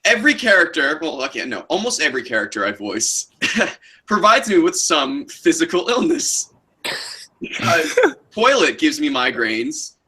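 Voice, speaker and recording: A man chats loosely on a livestream, sharing stories about his voice work with an easy laugh. His tone is bright and forward. A slight huskiness runs through his voice. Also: fairly high pitch, sing-song, moderate pace, breathy edge. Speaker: co-host, voice actor. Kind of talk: casual livestream chat.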